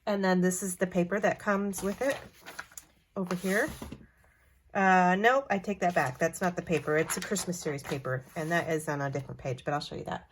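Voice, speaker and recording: A woman's voice: fairly low pitch, brisk, a little hiss or hum. A woman hosting a card-making tutorial, talking in a chatty, friendly way with fillers and self-corrections. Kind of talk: casual craft tutorial.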